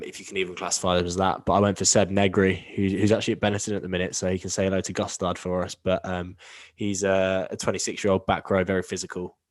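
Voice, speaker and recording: A man co-hosting a podcast in casual chat, relaxed, moving the talk along. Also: deep voice, no room sound. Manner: relaxed, steers the agenda. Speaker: podcast co-host.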